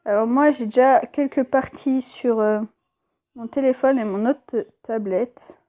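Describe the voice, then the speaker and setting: Une femme à la voix un peu aiguë et douce, qui commente un jeu vidéo sur un ton décontracté, avec des hésitations. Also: female voice, on the high side, unhurried, dark tone. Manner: chatty, hesitant, with fillers and stumbles when reading. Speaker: let's play host. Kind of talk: casual gameplay commentary.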